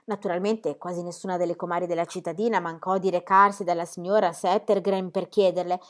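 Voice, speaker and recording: A woman reading a children's novel aloud in an expressive, animated way. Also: fairly low pitch, brisk. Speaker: reader.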